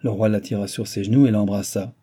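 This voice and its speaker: Husky, dark-voiced male narrator. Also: fairly low pitch, fairly even intonation, quick pace. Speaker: audiobook narrator. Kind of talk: scripted narration.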